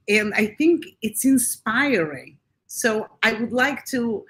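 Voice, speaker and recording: A woman's voice: mid-range voice, a bit bright. A woman hosting a live-streamed interview show over a video call, effusive and given to repeating herself. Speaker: host.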